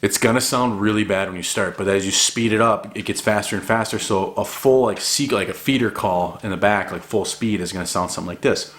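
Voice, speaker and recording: Speaking a little fast and with few pauses, a man walks through duck calling as a hobby hunter, keeping the lesson casual, conversational, and encouraging. He has a fairly low-pitched voice with a fairly bright tone.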